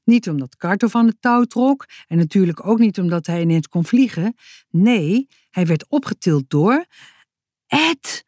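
A woman author reading her own children's story aloud, slow and expressive. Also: medium pitch, no room sound, clean studio sound.

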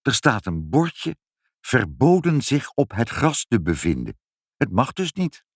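A man voicing a brisk, sensible mother in a read-aloud storybook, talking in a matter-of-fact way. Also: mid-range voice, very animated, dry recording, clean studio sound, voice pushed up.

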